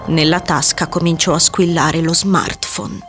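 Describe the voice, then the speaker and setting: A woman giving a measured, dramatic scripted narration of a story. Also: deep voice, steady tone, a bit bright. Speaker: audiobook narrator. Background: faint music.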